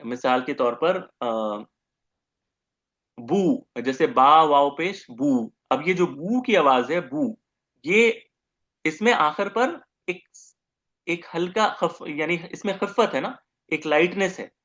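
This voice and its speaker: Guy teaching arabic grammar, slightly high voice, patient, stretches out sounds, dull lo-fi recording. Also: animated, a bit bright. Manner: patient, explanatory, drawn-out syllables when demonstrating sounds. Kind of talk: recorded lecture.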